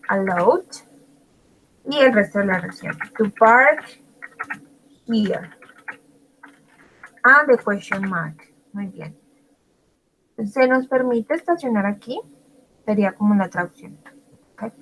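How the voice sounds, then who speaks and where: Slow, patient woman teaching English. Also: mid-range voice, fairly bright tone, slight background noise, poor audio. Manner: slow, patient, repeats and translates each answer. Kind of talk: bilingual grammar lesson.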